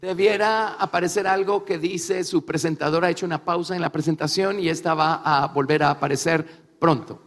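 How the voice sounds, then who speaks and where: High-voiced male interpreter in a reverberant hall. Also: fairly even intonation, a little fast. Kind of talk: consecutive interpreting of a religious talk. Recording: echoey hall, long reverb.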